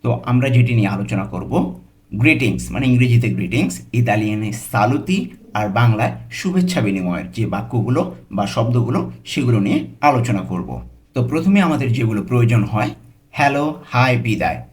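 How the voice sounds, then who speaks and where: A young man teaching a beginner language lesson, patient and repetitive, slowing down to spell out each new word. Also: medium pitch, expressive.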